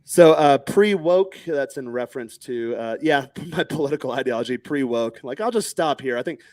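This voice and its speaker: Brief: man in his thirties from Texas, animated storyteller in a rapid, dry-sounding podcast chat. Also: mid-range voice, no room sound. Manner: animated, acts out other people's lines in raised voices, swears freely.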